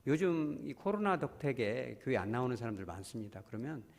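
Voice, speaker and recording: A man's voice: mid-range voice, a little fast, gravelly, darkish tone, in a large hall, slight background noise. A male pastor giving a conversational sermon, often acting out prayers and everyday dialogues. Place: church.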